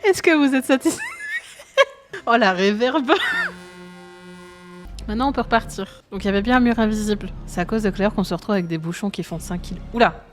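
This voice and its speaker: A woman's voice: medium pitch, fairly even intonation, fast talker, soft background music. A woman with a Belgian French accent, streaming a truck game live and chatting to her viewers with frequent laughter. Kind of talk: live gameplay commentary to chat.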